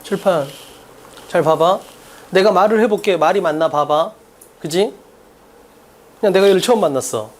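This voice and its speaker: A man teaching an exam-prep English lesson, drilling students with quick rhetorical questions and emphatic repetition. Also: high-pitched, slight background noise. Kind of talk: recorded exam-prep lecture.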